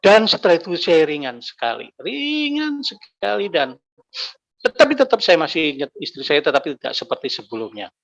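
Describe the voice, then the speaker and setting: A man telling his personal faith testimony, emotional, his voice climbing high when he recalls anger and grief. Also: very animated, fairly quick, fairly bright tone. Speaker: guest giving a testimony. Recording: dull lo-fi recording.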